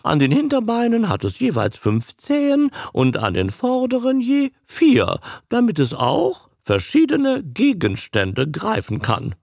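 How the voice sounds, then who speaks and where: A man voicing a scrawny little fairground showman who barks his patter in a hoarse voice. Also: high voice, huge pitch swings, a little slow, few pauses, a little mellow, no room sound, clean studio sound, pitched above the performer's own voice, full character voice. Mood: blaring. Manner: blaring barker's patter.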